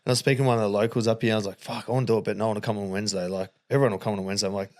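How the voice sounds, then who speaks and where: A man's voice: on the low side, fairly even intonation, racing. A young man from Melbourne with an Australian accent, hosting a podcast in casual, slangy, rambling chat. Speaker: podcast host.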